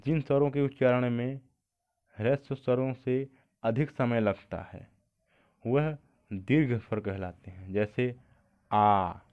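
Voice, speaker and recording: A man teaching an exam-prep grammar lesson. He asks questions and answers them himself, repeating the key points. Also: medium pitch. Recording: tinny lo-fi phone-like sound.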